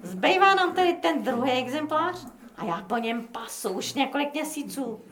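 A woman's voice: high-pitched, expressive, a bit bright, roomy sound. A woman doing a smug gangster boss. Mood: scheming. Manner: smug, lecturing, businesslike. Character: pompous male gang boss, smug and sly.

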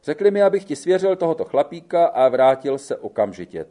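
A man's voice: fairly high pitch, sing-song, dark tone, voice pushed up. A man reading the part of an old gendarme in an audiobook, speaking bluntly and in a fatherly way. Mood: urging. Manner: blunt, fatherly, calls the other man boy. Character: gruff old male gendarme, weary, blunt.

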